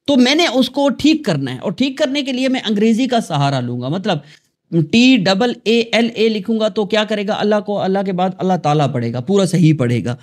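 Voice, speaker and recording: A man from Pakistan hosting a screen-recorded software tutorial, talking chattily to his viewers. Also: high-pitched, big pitch swings. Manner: chatty, addresses viewers as "janab" and "dosto". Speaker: tutorial host.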